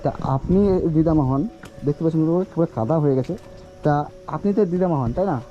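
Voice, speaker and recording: Rapid-fire, pressing man vlogging outdoors. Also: a little high, muffled recording, soft background music. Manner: pressing, repetitive questioning. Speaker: social worker vlogger. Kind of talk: confrontational street interview.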